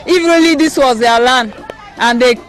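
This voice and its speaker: A man's voice: very high voice, normal speed, fairly bright tone, a faint crowd. A man with a Cameroonian accent speaking spontaneously as an interviewed resident, emphatic, pleading and aggrieved. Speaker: local resident being interviewed. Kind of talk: impassioned spontaneous statement.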